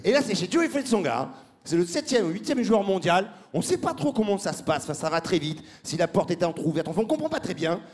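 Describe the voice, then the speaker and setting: A man doing a stand-up style comic monologue, mocking and laughing, breaking into squeaky put-on voices. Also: sing-song, fast, a little mellow. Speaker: stand-up comedian.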